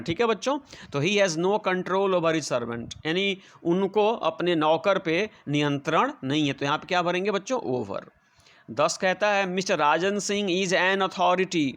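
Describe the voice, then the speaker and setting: Guy teaching prepositions, slightly high voice, slow and repetitive, keeps saying "children". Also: a bit bright. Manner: explains slowly, keeps addressing the children, repeats sentences. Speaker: English teacher. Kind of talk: classroom lesson.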